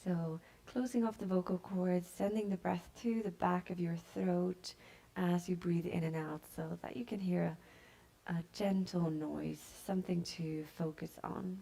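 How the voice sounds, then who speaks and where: A woman yoga teacher guiding a class with slow, soft-spoken calm cues that sometimes drop to a breathy near-whisper. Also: lowish voice. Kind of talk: guided yoga instruction.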